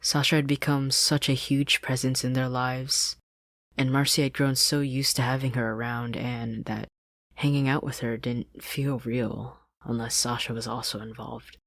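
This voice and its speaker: Close to a studio-style desk microphone, a podfic narrator reads fan fiction as scripted story narration in a flat, unhurried delivery. The medium-pitched voice is a bit bright, and the recording is dry with no echo.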